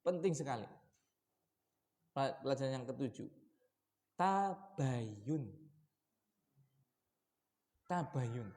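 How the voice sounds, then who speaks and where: A man preaches at a mosque study session. His delivery swings widely, rising loud and high for warnings, then dropping low and quiet for asides. He keeps asking his listeners questions as he teaches. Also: animated, slow pace, pauses often. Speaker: Islamic preacher.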